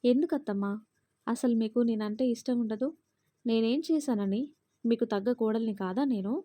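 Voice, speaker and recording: A woman's voice: a little high, moderate pace, mellow, no room sound, close to an everyday voice. A woman voicing a grieving young wife in a storybook reading, hurt and tearful.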